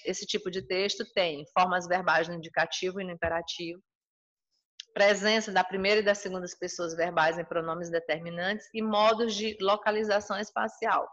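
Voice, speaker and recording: A woman's voice: mid-range voice, a bit bright, highs cut off. Brazilian woman teacher explaining a lesson. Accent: Brazilian Portuguese. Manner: explanatory, repeats and rephrases points. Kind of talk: recorded school lesson.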